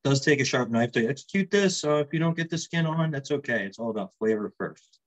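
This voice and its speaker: A man's voice: medium pitch, a little fast, muffled recording. A man working as a chef, giving a casual cooking demonstration and explaining as he goes. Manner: relaxed, explains as he works, chatty asides.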